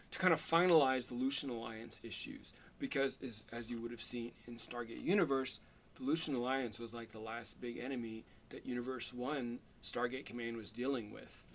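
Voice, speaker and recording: A man casually pitching his ideas to camera, rambling and hesitant, with many fillers and restarts but plenty of enthusiasm. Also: a little hiss or hum. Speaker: video creator pitching fan ideas. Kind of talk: casual solo talk to camera.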